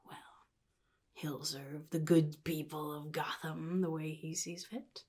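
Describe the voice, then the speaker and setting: A woman acts out a chaotic comic-book supervillain in an ASMR roleplay. The voice is fairly low and husky, often sinking into a breathy whisper. The delivery is sly and theatrical, a gleeful villain drawling advice. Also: steady tone, slow, a little mellow. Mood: gleeful, musing. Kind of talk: soft-spoken ASMR roleplay monologue.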